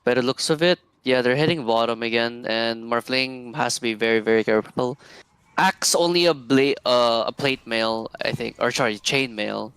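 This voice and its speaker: Male esports co-caster, soft groggy e-boy tone, smooth, lazy relaxed drawl, casual delivery. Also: medium pitch, normal speed, dry recording, low-quality recording. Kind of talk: casual live video game commentary.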